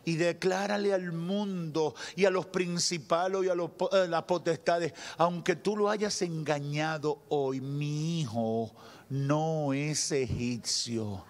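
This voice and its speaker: A man in his thirties with a Dominican Spanish accent, preaching a fervent sermon from a church stage into a handheld mic, moving between loud declarations and slow, hushed lines. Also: a little high. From Dominican Republic. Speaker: pastor. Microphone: handheld microphone at a pulpit.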